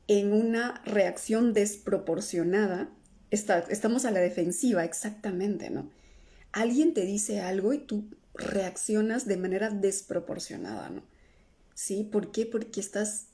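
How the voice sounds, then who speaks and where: Mellow-voiced woman coaching on a live stream. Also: mid-range voice. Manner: tags nearly every phrase with "¿no?" or "¿sí?"; answers viewer comments aloud. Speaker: emotional healing coach. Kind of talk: live-stream teaching talk.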